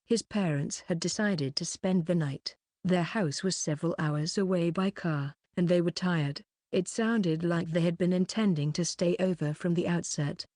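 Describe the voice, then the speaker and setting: Low-voiced woman reading a light novel. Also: moderate pace, few pauses, a little mellow, no room sound, clean studio sound. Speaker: audiobook reader.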